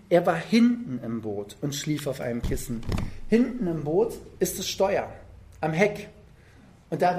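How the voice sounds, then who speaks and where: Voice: mid-range voice, darkish tone. Conversational preacher telling a Bible story. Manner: conversational, vivid storytelling with tag questions. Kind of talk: sermon.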